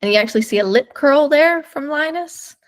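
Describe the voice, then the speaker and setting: A woman's voice: high voice, animated, normal speed. A woman dog trainer giving webinar commentary over videos, explaining thoughtfully and searching for words as she goes.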